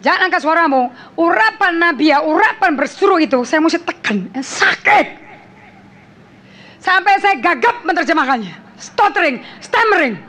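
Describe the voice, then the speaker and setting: A woman preaching a forceful sermon, slipping English phrases in and calling out to the congregation. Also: very high voice, expressive, moderate pace.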